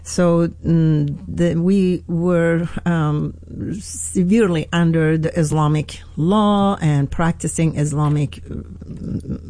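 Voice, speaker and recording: A woman in her sixties from Iran with an Iranian accent, a pastor telling her life story in an interview, earnest and hesitant with many pauses and restarts. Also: low voice, dark tone, no echo. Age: 60s. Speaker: pastor, guest. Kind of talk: personal testimony in an interview.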